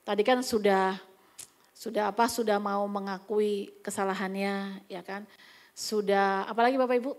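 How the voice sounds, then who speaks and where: A woman's voice: medium pitch, steady tone, moderate pace. A woman pastor, giving a chatty, anecdotal sermon at a church service with occasional whispered asides. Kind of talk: conversational sermon.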